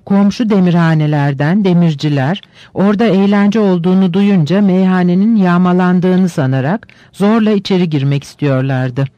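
Man reading a novel aloud, steady and measured, mellow voice, dry sound. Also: high voice, no echo, lo-fi sound. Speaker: narrator. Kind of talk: scripted audiobook narration.

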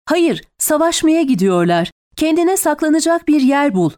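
A woman voicing a tense young woman in a besieged town, shouting urgent orders. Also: medium pitch, sing-song, slow.

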